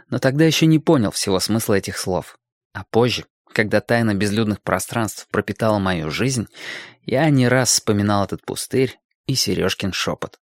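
A man narrating a story as an audiobook, calm and reflective in his storytelling. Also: medium pitch, dry recording, clean studio sound.

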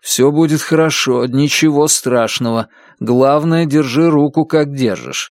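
A man reading aloud and voicing a steady police detective who talks in a firm, reassuring way. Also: on the high side, measured pace, dry recording, studio quality, pitched above the performer's own voice. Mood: steady urgent.

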